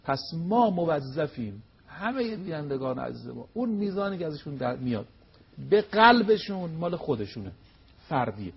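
Husky emphatic male preacher. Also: fairly high pitch, very animated, dull audio. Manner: emphatic, rhetorical questions. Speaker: cleric guest on religious TV program. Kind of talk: preaching religious talk.

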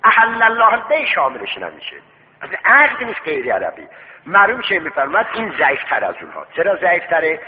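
A man teaching a seminary class on Islamic law, asking rhetorical questions and answering them himself, and slowing down to repeat key terms. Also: fairly high pitch. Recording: tinny lo-fi recording with long hall reverb.

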